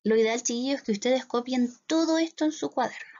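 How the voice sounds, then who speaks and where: A woman's voice: high voice, darkish tone. Chilean woman teacher, lo-fi sound. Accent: Chilean Spanish. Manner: patient, repeats "¿cierto?" to check understanding; spells out English words slowly. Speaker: English teacher. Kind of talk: classroom lesson explaining grammar. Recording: dull lo-fi sound.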